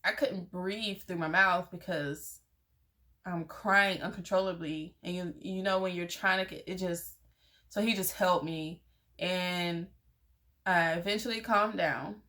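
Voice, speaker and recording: Her voice is fairly low, pushed and bright, with fairly even intonation and a measured pace. This young adult vlogger shares a personal story openly and chattily, leaning on fillers such as "like" and "y'all."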